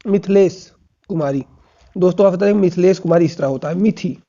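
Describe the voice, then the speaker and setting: A man's voice: sits high, rapid-fire, dark tone. A man teaching an exam-prep lesson in a casual spoken style, drilling answers by asking and repeating them. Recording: dull lo-fi recording.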